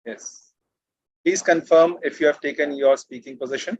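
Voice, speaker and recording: Male event host, formal and courteous announcing, fairly high voice, dry, slightly muffled call sound. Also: moderate pace, gravelly, a little mellow, no echo. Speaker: contest host. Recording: slightly dull, lo-fi online call audio.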